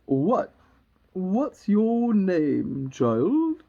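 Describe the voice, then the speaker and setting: A woman voicing a furious, imperious storybook queen, shrill and loud, barking out commands. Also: sing-song, drawn-out words, gravelly, dull audio, exaggerated voice. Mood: commanding.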